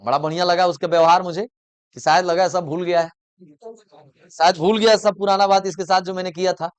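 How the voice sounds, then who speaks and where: A man's voice: high-pitched, steady tone, a little fast, smooth. A man teaching a commerce class, explaining through story examples and constantly quizzing his students. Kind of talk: classroom lecture.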